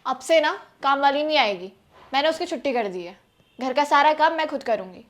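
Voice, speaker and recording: A firm, persuasive young wife who lectures her husband on savings, played by a woman. Her voice sits high and she talks steadily, like a sensible homemaker laying down the law. It comes from a scripted family skit. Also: expressive, fairly quick.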